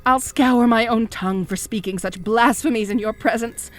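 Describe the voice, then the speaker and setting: A woman playing a fanatical, jealous cult high priestess in an audio role-play, fawning and pleading with stammering devotion. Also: moderate pace, faint music behind, lightly acted. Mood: fawning, apologetic. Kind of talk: scripted audio role-play addressed to the listener.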